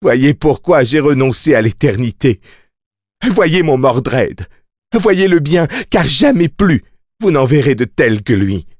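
A man's voice: mid-range voice, big pitch swings, takes it slowly, a little mellow, dry recording, studio quality, voice pushed up. A man voicing a crazed new mother who croons and shrieks over her baby, in an audiobook. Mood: frenzied. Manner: crooning then shrieking, breathless.

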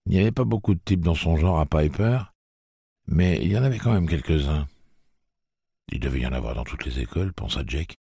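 A man narrating an audiobook in a measured, steady storytelling manner. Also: sits low, gravelly, husky, no echo, clean studio sound.

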